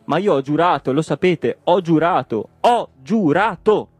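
A man voicing an excitable middle-aged hatter who talks in a high, flustered, stubborn way. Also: a little fast, no room sound, faint music behind, lightly acted.

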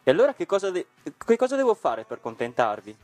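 Pinocchio, a man doing a shrill cheeky puppet. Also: huge pitch swings, quick pace, soft background music. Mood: defiant. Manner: taunting, sharp retorts. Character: cheeky wooden puppet boy, mocking and defiant. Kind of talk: storybook reading.

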